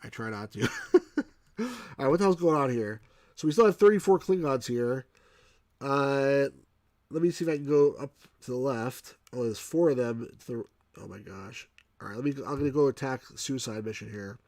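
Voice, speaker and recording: A game reviewer from New York streams his gameplay, chatting loosely, thinking aloud and answering viewers in a mild New York accent. His medium-pitched voice has a darkish tone and moves fairly quickly. The recording is dry.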